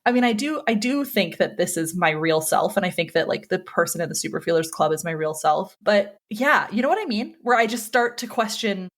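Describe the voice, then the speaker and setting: A woman's voice: medium pitch, lively intonation, brisk, few pauses. A woman in her thirties hosting a podcast, chatting casually and self-deprecatingly in a group conversation. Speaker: podcast host.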